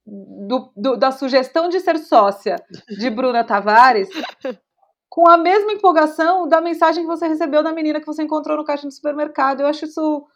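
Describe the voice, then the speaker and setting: A Brazilian woman hosting a podcast, chatting casually and pausing often with restarts from home. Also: sits high, muffled recording. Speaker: podcast host. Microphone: remote recording at home.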